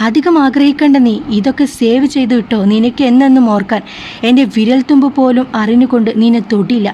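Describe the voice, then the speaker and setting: A woman voicing a bitter young husband who speaks to his new wife with cold, low contempt, in a slightly muffled recording. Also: steady tone, fairly quick, mellow, natural voice. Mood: scornful. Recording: slightly muffled with faint hiss.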